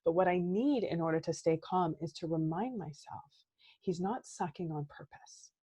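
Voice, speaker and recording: A woman's voice: lowish voice, moderate pace, mellow, husky. A woman therapist and coach in her thirties, talking earnestly and reflectively as a podcast guest, often checking in with "right?". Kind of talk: casual podcast conversation.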